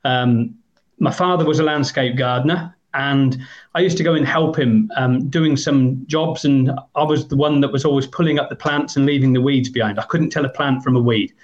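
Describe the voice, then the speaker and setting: A man's voice: mid-range voice, normal speed, lo-fi sound. A man in his fifties with an English accent, telling long rambling stories as a podcast guest, with many hesitant ums. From England. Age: 50s. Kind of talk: storytelling in a podcast interview.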